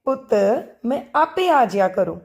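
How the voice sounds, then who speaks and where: A woman's voice: on the high side, big pitch swings, a little slow, a little mellow. A woman voicing a middle-aged mother who is firm and worried about her daughter's marriage, in a told storybook.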